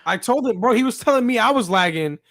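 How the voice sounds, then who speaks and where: A man's voice: very high voice, animated, fast talker, fairly bright tone, no echo, clean studio sound. A man co-hosting a podcast over an online call, joking and teasing in casual profane chat. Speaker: podcast co-host.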